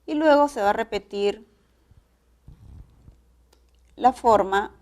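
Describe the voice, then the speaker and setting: A woman with a Peruvian accent teaching a pre-university class, explaining each step in a measured way. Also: a little high, darkish tone. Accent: Peruvian Spanish. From Peru. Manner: measured, explanatory, spells out syllable patterns.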